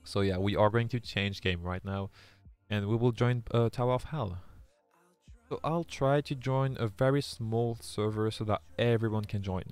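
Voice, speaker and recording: While streaming a game live, a young French native speaker with a French accent earnestly reads viewer chat aloud and often starts his sentences over. His fairly low voice is a little mellow and smooth at a normal speed, free of echo, with faint music behind it.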